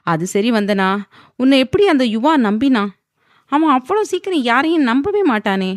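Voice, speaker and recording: A woman's voice: high voice, expressive, no echo, clean studio sound, voice pushed up. A woman voicing an anxious middle-aged father who fires question after question at his daughter. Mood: probing. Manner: rapid string of questions.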